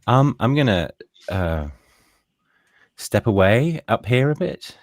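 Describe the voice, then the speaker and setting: A man playing a tabletop game, talking casually and haltingly as he works out his turn. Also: medium pitch, lively intonation, no echo, studio quality. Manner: halting, restarts often. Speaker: player.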